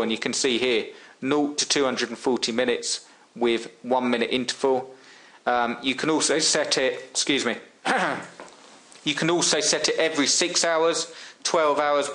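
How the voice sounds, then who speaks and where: A man walks through a tutorial in a relaxed, friend-to-friend way. His speech is loose and conversational, full of ums and quick restarts. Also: medium pitch. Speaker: online marketing tutor. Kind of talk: casual screen-share tutorial.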